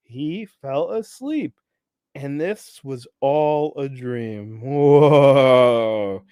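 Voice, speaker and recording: Speaking very slowly in a clean tone, this young podcast host runs through TV episodes in a casual recap. He laughs a lot and performs characters' lines, his pitch and volume leaping as he goes. It's a studio-quality recording with no echo.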